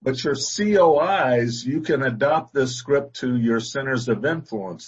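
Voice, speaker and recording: A man's voice: mid-range voice, slightly rough, dull audio. A man coaching a client on a call, talking things through in a conversational way and often saying "exactly" and "you know". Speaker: business coach.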